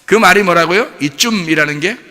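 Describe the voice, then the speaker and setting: A male pastor preaching a sermon in a lively way, asking rhetorical questions and laughing along. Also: high-pitched, brisk. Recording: long hall reverb.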